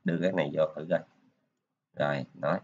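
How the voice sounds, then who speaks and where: A man talks through a screen-recorded coding lesson in a relaxed, chatty way, peppering his steps with filler particles. His voice sits very low. The sound is muffled and lo-fi, like a basic computer microphone. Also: fast talker. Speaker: programming teacher.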